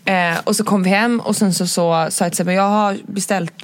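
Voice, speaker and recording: Woman telling a story in a casual podcast chat. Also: mid-range voice. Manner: animated storyteller, acting out dialogue, many "eh" fillers. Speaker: podcast co-host.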